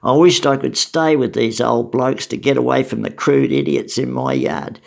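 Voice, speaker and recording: Older Aussie male storyteller, gravelly voice, wry and matter-of-fact. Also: medium pitch, animated, moderate pace. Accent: Australian. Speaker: storyteller recounting memories. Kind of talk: casual spoken memoir.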